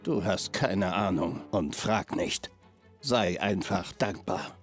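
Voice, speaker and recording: A man's voice: deep voice, expressive, slow, soft background music. An actor playing a bitter, domineering old man in a video game, with a stern and contemptuous manner. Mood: cold, dismissive. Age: older. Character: cold, bitter, domineering old patriarch with underworld past. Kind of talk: dramatic video game acting, German dub.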